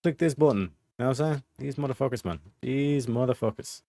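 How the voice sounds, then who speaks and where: During a casual gaming livestream, a man jokes with his viewers and swears heavily while playing. He talks fast, in a warm, medium-pitched voice with no room sound.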